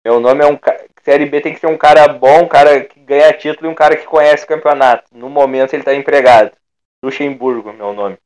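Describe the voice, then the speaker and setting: A man giving his opinions in a casual football debate, halting and restarting often. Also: mid-range voice, steady tone, darkish tone. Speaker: football pundit.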